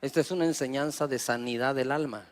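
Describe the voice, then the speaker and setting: A man's voice: mid-range voice, fast talker. A middle-aged man with a Guatemalan Spanish accent, preaching a sermon, acting out little dialogues and calling on the congregation to answer. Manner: lively preaching with acted dialogue and audience prompts. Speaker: pastor.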